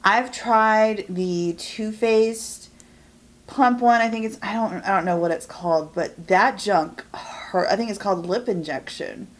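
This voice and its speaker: A young woman talks in a bubbly, rambling way, firing off quick bursts of chatter. She is recorded at home, hosting a chatty get-ready-with-me beauty vlog. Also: mid-range voice. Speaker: beauty vlogger.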